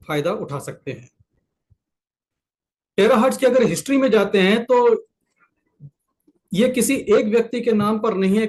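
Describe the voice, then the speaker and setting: A man with an Indian accent walks listeners through a talk over a video call, his voice sitting high. He explains patiently, repeating key points and slipping English terms into his Hindi. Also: a little mellow, rough recording. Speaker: presenter explaining a product's science. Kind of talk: online presentation sharing a screen. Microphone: computer mic on a video call.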